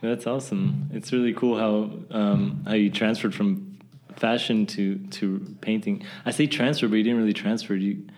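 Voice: medium pitch, fairly even intonation, normal speed, darkish tone. An interviewer in a casual conversation, encouraging the guest with frequent agreement and laughter. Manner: encouraging, backchannels a lot, laughs often.

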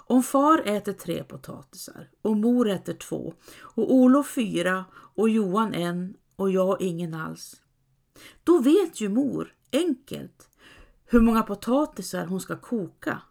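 A woman voicing a clever, stubborn young peasant girl who speaks in a bright, insistent way. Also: medium pitch, animated, vocal fry.

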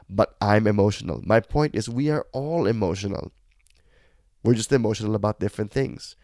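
A man's voice: medium pitch, mellow, no room sound. Guy talking on his podcast, candid and self-deprecating, dry close mic. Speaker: podcast host. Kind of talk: reflective podcast monologue.

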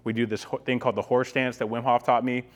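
A man's voice: mid-range voice, flat delivery, fast talker. A young man speaking as a guest coach, explaining things casually and with enthusiasm. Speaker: guest, ice bath workshop coach. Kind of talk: casual explanatory interview talk.

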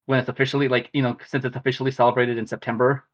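A man's voice: mid-range voice, level tone, rapid-fire. Muffled lo-fi recording, man, podcast co-host, casual chat, rambling, slangy. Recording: dull lo-fi sound.

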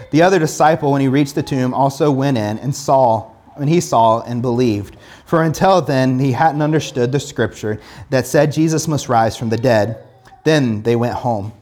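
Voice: medium pitch, darkish tone. A pastor teaching casually from the Bible, reading scripture aloud and then building emphatic points with repeated phrases and many "like" fillers. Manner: reads scripture aloud between comments.

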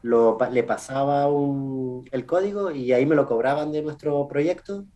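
Here a male research scientist from the Canary Islands appears on a podcast, giving informal, halting answers full of self-corrections and tag questions in a Canarian Spanish accent. The voice sits at medium pitch with a warm tone, though the recording sounds muffled.

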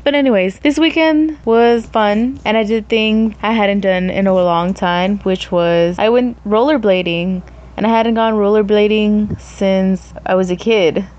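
A woman's voice: medium pitch, a little slow, darkish tone. A young woman telling a casual story as a vlogger, chatty and self-mocking, laughing often. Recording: dull lo-fi recording.

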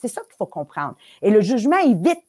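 A middle-aged woman telling animated anecdotes on a talk show, often dropping English words into her French. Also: mid-range voice, fairly quick. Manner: lively storyteller, mixing English words into French.

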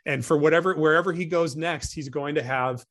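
A man with a fairly high, brisk, slightly bright voice co-hosts a swimming podcast. He chats casually, thinking out loud and often restarting his sentences.

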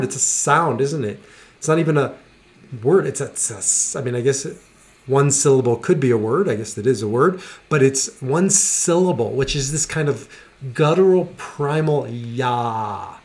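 A man hosting a podcast in a reflective spiritual talk, earnest and teacherly, pausing and repeating words for emphasis, close to the microphone. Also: mid-range voice. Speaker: podcast host.

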